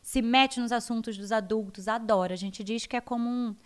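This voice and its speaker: A woman with a Brazilian accent, a guest educator explaining child development in an animated interview. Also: a little high, normal speed. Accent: Brazilian Portuguese. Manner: animated, acts out her children's voices.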